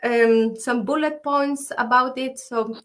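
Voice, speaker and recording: A woman hosts a relaxed online conversation. Her voice sits a little high, and she speaks in a halting way with frequent ums and uhs. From Ecuador. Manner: halting, many fillers. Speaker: host.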